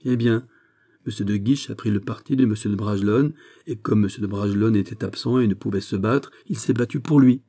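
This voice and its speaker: A man reading an audiobook, voicing a haughty, sharp-tongued young princess with ironic, exasperated questions. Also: fairly low pitch, fairly quick. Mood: imperious.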